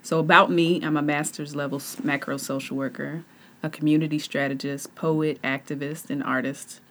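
A woman's voice: low voice, level tone, normal speed, a bit bright. A woman co-hosting a podcast, speaking in an easygoing, casual way and laughing easily. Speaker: podcast co-host. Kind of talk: casual conversation.

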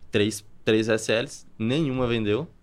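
A young man, telling his story as a podcast guest in a lively, rapid manner and acting out what people said. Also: medium pitch. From Campina Grande, Paraíba, Brazil. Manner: rapid, animated storyteller who acts out quoted dialogue.

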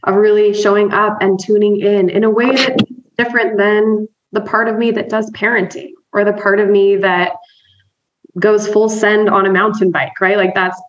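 Over roomy, slightly dull remote audio, a woman speaks in a mid-range voice with a level tone and normal speed. She's a therapist and trainer explaining things conversationally as an interview guest, upbeat, laughing often and asking "right?" to check in.

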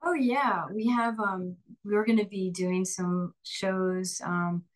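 A woman's voice: medium pitch, fairly even intonation, slow pace, rough recording. A woman guest in an interview, talking in a chatty, upbeat way with plenty of fillers and laughs. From Pennsylvania, Lehigh Valley. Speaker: singer and bandleader, interview guest. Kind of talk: casual interview conversation.

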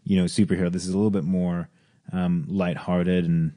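A man co-hosting a casual movie podcast, sharing opinions in a hesitant way with many pauses and restarts. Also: deep voice, level tone, warm tone. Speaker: podcast co-host. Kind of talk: casual chat.

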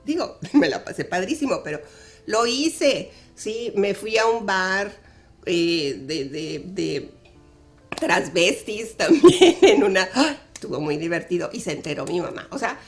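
A middle-aged woman with a Mexican accent hosting a live radio talk show, telling family stories in an animated way. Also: mid-range voice. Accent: Mexican Spanish. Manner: animated storytelling, acts out dialogue, laughs often.

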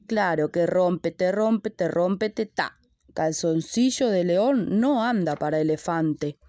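A woman's voice: fairly low pitch, slow pace, mellow, dry recording, clean studio sound. A woman voicing a big angry male elephant who bellows accusations. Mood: scoffing.

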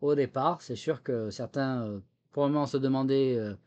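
The audio is dull. A man from France, an interview guest who is a technology entrepreneur and former government official, explains his answers in a mid-range, darkish voice at normal speed, often repeating words while finding the next, with a slightly American-tinged French accent.

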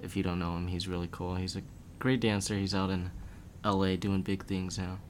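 A young man talks in a low voice, loose and rambling, his sentences full of "like" and "um." Faint hiss sits under the recording. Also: fairly quick. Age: young adult. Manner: relaxed, rambling, full of filler words. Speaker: guest. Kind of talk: casual podcast chat.

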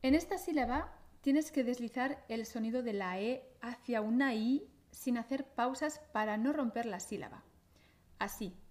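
A woman from teaching pronunciation in a podcast, repeating syllables slowly and clearly in an encouraging way. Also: on the high side, darkish tone. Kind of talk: slow, careful pronunciation lesson. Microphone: podcast microphone.

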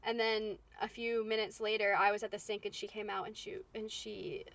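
A woman's voice: mid-range voice, level tone, moderate pace, a bit bright, no room sound. A young woman co-hosting a casual podcast chat, asking follow-up questions and adding her own side. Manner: chatty, asks follow-up questions.

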